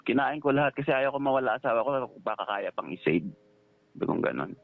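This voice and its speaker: A man's voice: mid-range voice, lively intonation, gravelly. Male caller on a tinny phone line. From Philippines. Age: 30s. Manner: rambling, halting retelling with many fillers. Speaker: caller, security guard. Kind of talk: phone-in advice call.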